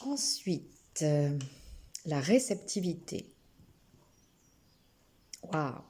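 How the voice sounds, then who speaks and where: Brief: French woman, spiritual card reader, unhurried and hesitant, soft mellow lowish voice. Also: very animated, slightly rough. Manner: slow, gentle, with frequent hesitations and restarts. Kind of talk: oracle card reading to camera.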